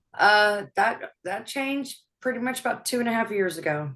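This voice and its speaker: A woman's voice: medium pitch, lively intonation, measured pace. A woman being interviewed as a guest, talking openly about her life, laughing often and restarting her sentences. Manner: open, laughs often, soft-spoken with frequent restarts. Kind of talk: personal interview.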